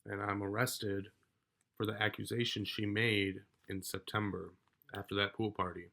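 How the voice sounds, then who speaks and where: A man telling a story from his own life in a casual, rambling way, swearing often and getting loud as he relives an argument. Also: lowish voice, level tone, normal speed, creaky. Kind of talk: casual personal account.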